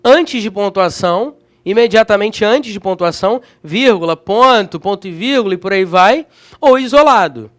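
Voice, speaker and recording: A man teaching a grammar lesson for exam preparation, energetic and often checking in with his students. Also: high-pitched, moderate pace.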